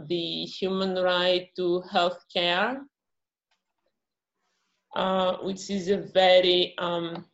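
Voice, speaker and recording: A woman talks slowly and a bit nervously, pausing on her words, in a lowish voice. The audio is dull and lo-fi. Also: fairly bright tone. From Greece. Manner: nervous, hesitant. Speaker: artist panelist.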